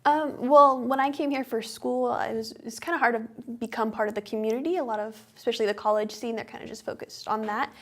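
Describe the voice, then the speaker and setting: A woman from California's Central Valley answers interview questions with a fairly high, gravelly voice. She talks fast, fluently and in an upbeat way. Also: fairly even intonation, fairly bright tone. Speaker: guest, club vice president.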